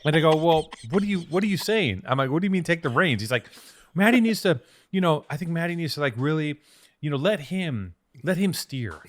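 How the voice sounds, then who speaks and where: A man's voice: on the high side, expressive, a little fast. A man co-hosting a podcast, telling a rambling, profane story in casual chat. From Venice, California. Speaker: podcast co-host.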